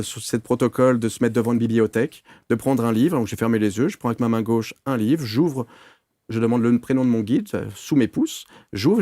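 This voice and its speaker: Gravelly French man telling anecdotes. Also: medium pitch, dry recording. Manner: animated anecdotes with many fillers and restarts. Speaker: medium, interview guest. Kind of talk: casual interview storytelling.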